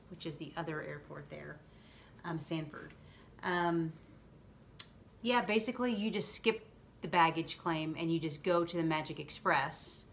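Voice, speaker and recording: A woman hosting a vlog, explaining things in loose, rambling casual chat. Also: lowish voice. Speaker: vlog host. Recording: faint background noise.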